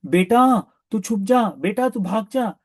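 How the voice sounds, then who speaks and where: Man doing blind old parents, high and pleading, begging their son to run. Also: animated, slow pace, breathy edge, dry recording, clean studio sound, heavily acted. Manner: pleading, protective. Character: blind elderly parents, loving and selfless.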